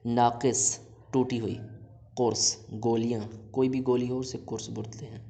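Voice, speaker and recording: A man teaching a recorded language lesson, reading out word lists slowly and then explaining each word plainly to his students. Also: medium pitch, flat delivery, vocal fry, dark tone. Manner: addresses students directly with instructions.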